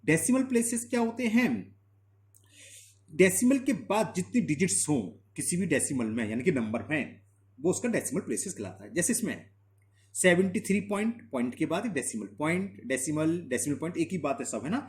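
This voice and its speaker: Male teacher, maths lesson, Hindi with English terms, rhetorical questions, dictates definitions slowly, raised pitch, lively intonation. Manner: mixes Hindi with English terms, asks and answers own questions; slows to dictate definitions word by word. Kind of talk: classroom lesson explanation.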